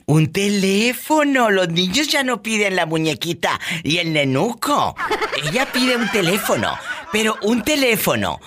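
A middle-aged woman with a Mexican accent hosts a call-in radio show, her voice bright and crisp. She talks to callers in an affectionate, teasing way. Her pitch rises and falls freely as she reacts. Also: sing-song, unhurried.

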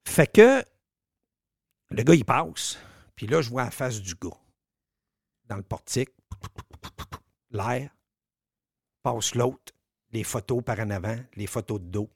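A man with a Quebec French accent telling a story on the radio, animated, swearing and acting out the dialogue. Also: mid-range voice, a little slow, gravelly, long pauses, breathy edge, dry recording, clean studio sound.

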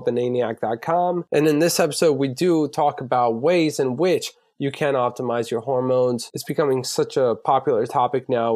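A man with a raspy voice from a sore throat, hosting a podcast and reading intros and plugs in a casual way. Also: medium pitch, a little mellow, dry recording, clean studio sound. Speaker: podcast host. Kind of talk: scripted podcast intro and sponsor read, casual address to listeners.

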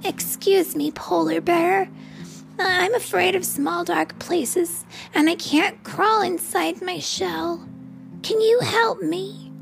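A woman's voice: very high voice, fairly even intonation, takes it slowly, vocal fry, faint music behind, pitched above the performer's own voice, exaggerated voice. A woman voicing a timid young boy turtle in a children's storybook, speaking politely and pleading for help.

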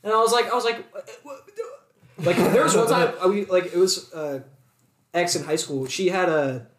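Animated young man telling a story. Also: high-pitched, a little fast, background noise. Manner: animated storytelling, acts out both sides of quarrels. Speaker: podcast co-host. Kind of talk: casual chat. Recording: echoey room.

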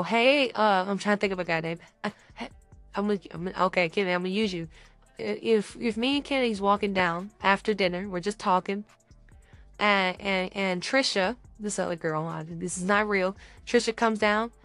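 A woman co-hosts a podcast in a casual advice chat, lively and playful, slipping into other people's voices. Her voice is dry and close, with faint music playing underneath. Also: medium pitch, normal speed, no echo. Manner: animated, acts out dialogue with others' voices. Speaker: podcast co-host.

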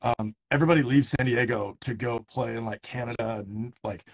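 In San Diego, a baseball podcast host in his thirties keeps his interview chat casual and loose, full of fillers and restarts. His medium-pitched voice is husky and fairly quick, and the recording sounds rough.

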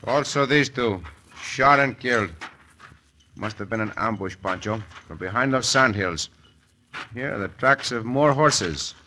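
The Cisco Kid, bright-voiced cowboy hero. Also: male voice, mid-range voice, animated. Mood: grave. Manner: formal, deliberate phrasing. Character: noble, quick-minded Mexican cowboy hero, calm leader. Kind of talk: old-time radio western acting. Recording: old radio recording with faint noise.

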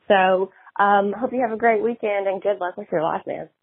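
A woman's voice: mid-range voice, moderate pace, vocal fry, slightly rough. A woman from Tennessee leaving a casual voicemail message as a listener of a show. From Tennessee, United States. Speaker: listener calling in. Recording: tinny phone voicemail line.

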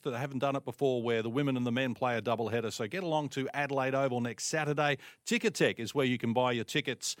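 A man's voice: mid-range voice, dry recording, clean studio sound. An Australian man presenting a sports radio show, reading out event details and sponsor mentions. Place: dry radio studio.

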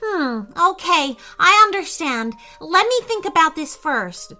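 A kind, eager little boy from a storybook, put on by a woman narrator. The voice sits very high and bright, bouncing up and down as it speaks slowly. Soft music plays underneath. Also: full character voice. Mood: earnest. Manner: high and excitable.

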